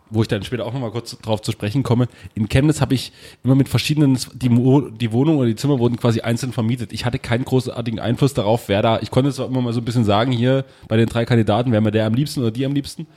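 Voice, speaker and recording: A young man in casual chat, joking and animated, acting out quotes while telling a story. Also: mid-range voice, fast talker.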